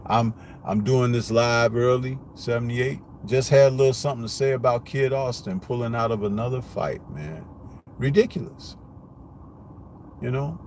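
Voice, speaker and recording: A man's voice: mid-range voice, moderate pace, a little mellow. A man hosting a live boxing commentary stream, blunt and rambling, with lots of rhetorical questions. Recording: noisy live stream with street and car noise.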